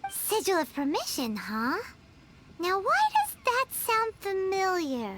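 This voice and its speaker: Squeaky, excitable tiny fairy Paimon. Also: female voice, slow pace, a little hiss or hum, exaggerated voice. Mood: curious. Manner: speaks of herself in third person, exclamatory. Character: Paimon, tiny childlike female fairy companion, chatty and excitable. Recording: loud game music behind. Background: game music.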